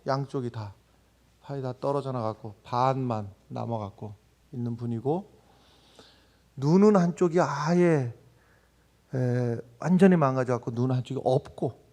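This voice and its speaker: A male pastor preaching a sermon, telling a story with loud exclamations and quiet asides. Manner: animated storytelling, swings between loud exclamations and low asides.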